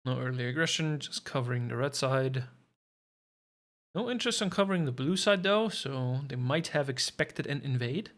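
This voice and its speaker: This esports co-streamer is a man with an expressive, mid-range, somewhat bright voice at a moderate pace. He calls the match casually from home, musing aloud and adding jokes at his own expense.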